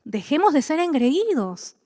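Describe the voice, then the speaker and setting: A woman's voice: high-pitched, very animated, measured pace, mellow, no room sound, clean studio sound, big-room sound. A middle-aged woman pastor, preaching animatedly and acting out the voices of believers and of God. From Peru. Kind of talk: sermon.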